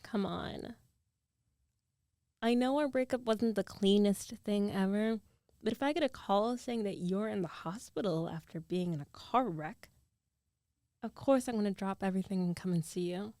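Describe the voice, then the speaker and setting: An intimate ASMR roleplay features a woman as a young ex-girlfriend who is concerned and teasing, speaking gently and haltingly into a nearby mic. With a medium pitch, natural voice and no room sound, she sounds concerned and gently chiding.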